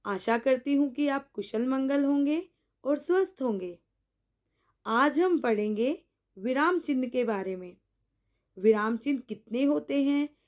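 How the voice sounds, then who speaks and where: A woman teaching a grammar lesson in a slow, careful way, pausing often so every point sinks in. Her voice sits a little high. She talks to her viewers as friends. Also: a little mellow. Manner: slow, deliberate explaining, addresses viewers as friends. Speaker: teacher and channel host. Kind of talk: scripted Hindi grammar lesson.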